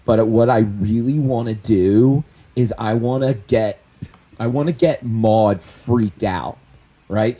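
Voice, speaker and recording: A man's voice: medium pitch, mellow. A man taking part as a player in a tabletop game, thinking aloud and restarting his sentences. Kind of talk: casual tabletop play.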